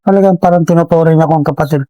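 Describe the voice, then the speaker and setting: A man's voice: fairly high pitch, fairly even intonation, rapid-fire, dark tone, clean tone, no echo. An older man, a guest who tells rambling stories, laughs often and acts out the people he quotes. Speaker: interview guest. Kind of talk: casual storytelling interview.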